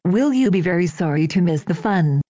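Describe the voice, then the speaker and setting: A woman voicing a sharp-tongued, curt old woman in a storybook. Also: on the low side, animated, a little fast, no room sound, highs cut off.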